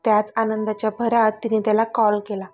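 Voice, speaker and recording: A woman narrating a serialized romance story in a gentle, emotive reading style. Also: mid-range voice, monotone, brisk. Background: faint background music.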